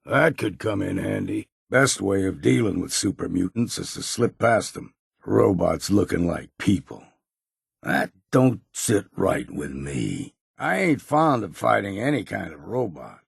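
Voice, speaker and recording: A grizzled old hunter from a video game, with a deeply gravelly, husky voice. He talks slowly in a folksy, old-timer way, gruff and wary but good-humored. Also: very animated, no room sound, clean studio sound, heavily acted. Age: older. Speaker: video game companion character. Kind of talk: scripted game voice lines.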